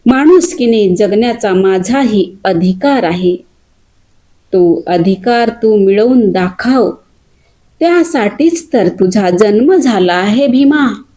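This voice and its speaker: A woman voicing a calm inner voice that earnestly urges a boy onward. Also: medium pitch, takes it slowly. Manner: earnest, exhorting.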